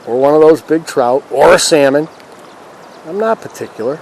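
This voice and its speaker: On a fishing vlog, a man stands in a river and talks to viewers casually and folksily as he fishes. His darkish voice is on the high side, at a moderate pace. The recording quality is low, with the river and ambient noise clearly present.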